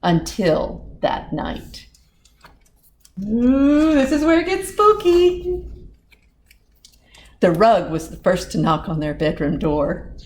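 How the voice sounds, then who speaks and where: A children's librarian reads a storybook in a slow, sing-song, medium-pitched voice with a darkish tone and long pauses, talking directly to her young audience in asides. Her animated storytime reading carries a little hiss or hum.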